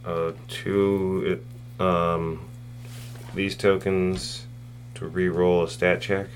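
A man's voice: low-pitched, level tone, extremely slow, slight background noise. A man chatting casually as a player in a tabletop role-playing game.

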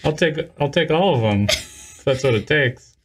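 A man's voice: mid-range voice, expressive, moderate pace, breathy edge. A man hosting a podcast, joking in a laid-back casual chat with lots of fillers. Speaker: podcast host.

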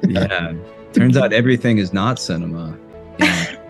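A man's voice: deep voice, moderate pace, faint music behind. A man co-hosting a casual film podcast, loose and jokey, swearing and laughing as he talks. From American Midwest. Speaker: podcast co-host.

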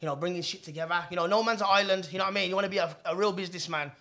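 Brash, fast-talking British roadman, high voice. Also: pushed and bright. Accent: British urban street. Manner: brash, boastful, rambling. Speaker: podcast guest. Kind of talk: casual banter with slang and swearing.

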